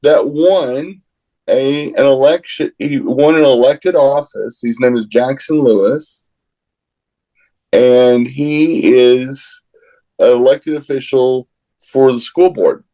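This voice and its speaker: A man with a gravelly voice hosting a casual chat show in a folksy, halting way. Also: mid-range voice, dark tone, low-quality recording. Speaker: show host.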